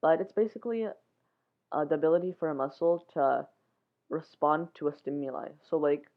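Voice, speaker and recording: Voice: mid-range voice, moderate pace. A science show host giving a casual, informal explainer in plain steps. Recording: muffled, phone-like narrow sound.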